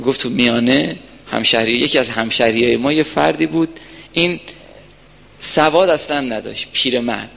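A man giving an earnest religious lecture to a gathering, telling stories and swinging from soft asides to emphatic points. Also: medium pitch, creaky. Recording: reverberant hall.

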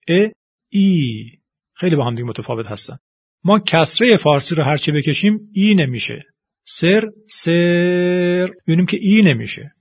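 Husky guy a bit high for a man, patiently sounding out vowels, muffled lo-fi audio. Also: no room sound. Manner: demonstrates vowel sounds slowly and deliberately. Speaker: Quran recitation teacher. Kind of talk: explanatory tutorial with spoken examples. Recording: dull lo-fi audio.

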